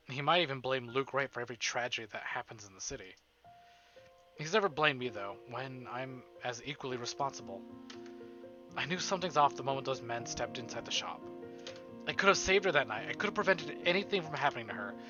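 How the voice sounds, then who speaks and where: Over soft game music, a man streams a visual novel, narrating the story dramatically and tossing in offhand comments. His voice sits at medium pitch, and the recording has its high frequencies cut off.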